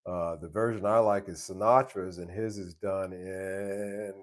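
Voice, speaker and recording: A very deep-voiced man runs a laid-back live stream from his home base abroad, taking viewer questions and rambling easily, often restarting sentences. He speaks a little slowly with fairly even intonation.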